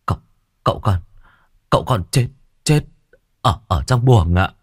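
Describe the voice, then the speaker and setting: A man's voice: mid-range voice, expressive, unhurried, slightly rough, faint music behind, voice pushed up. A man voicing a panicked young male servant who stammers as he calls out. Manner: stammering, breathless.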